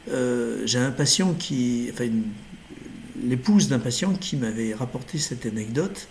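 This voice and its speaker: A man's voice: medium pitch, unhurried, a little mellow, slight background noise. A middle-aged man giving a recorded lecture over slides, hesitant, with many fillers and self-corrections. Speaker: lecturer in neurology.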